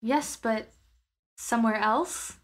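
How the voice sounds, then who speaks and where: Slow and on the high side, a woman talks through her character's actions in a tabletop RPG. She's casual but hesitant, pausing thoughtfully to find the right words.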